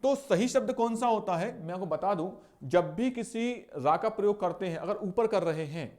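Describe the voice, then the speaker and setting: Young male teacher with a high voice, exam-prep lesson, answers his own questions, sounds out words slowly. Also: animated, darkish tone. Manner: repeats words slowly to show spelling and pronunciation.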